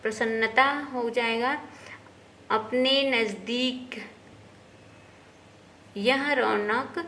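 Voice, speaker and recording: Woman teacher, textbook lesson, patient and unhurried, slightly high voice, faint background noise. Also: steady tone, pushed and bright. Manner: slow, explanatory, often asks and answers herself.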